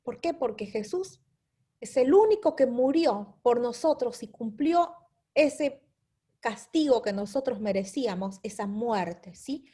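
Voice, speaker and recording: A woman's voice: on the high side, lively intonation, measured pace, warm tone, slightly rough. A woman teaching a Bible study lesson, explaining step by step and checking in with her listeners with a repeated "¿sí?".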